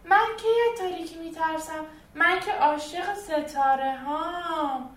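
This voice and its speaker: A woman's voice: very high voice, a bit bright, voice pushed up. A woman voicing a proud, cheerful girl's doll in a storybook reading, speaking in an exclaiming, indignant way. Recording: echoey room, distant, faint music.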